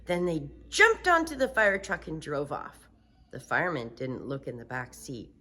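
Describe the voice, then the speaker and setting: An older woman reading a children's storybook aloud in a sweet, grandmotherly and expressive way. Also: low-pitched, moderate pace.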